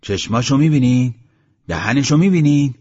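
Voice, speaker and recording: A man's voice: mid-range voice, lively intonation, darkish tone, breathy edge, pitched above the performer's own voice. A man voicing an alarmed, urgent male villager, on a dull lo-fi audiobook recording.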